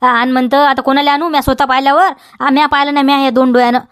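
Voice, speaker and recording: A woman's voice: high-pitched, flat delivery, very fast, a bit bright, no echo, studio quality. A woman with a Vidarbha Marathi accent playing a scolding village farmer who nags and keeps tagging questions onto every line, in a comedy sketch. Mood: indignant. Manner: nagging, repeats demands, keeps tagging "हा?". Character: scolding village farmer man guarding his field.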